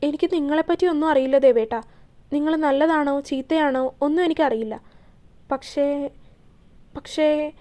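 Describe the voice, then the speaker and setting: Woman reading as a heartbroken young wife, high voice, stumbling tearful words, romance audio story. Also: dark tone, natural voice. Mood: resolute. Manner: halting, repeats words while crying.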